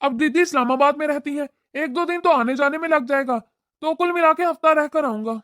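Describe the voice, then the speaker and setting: A woman voicing a calm, fair-minded middle-aged father-in-law in a cartoon, speaking in a measured, reasoning way. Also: sits high, no room sound, studio quality. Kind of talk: cartoon voice acting.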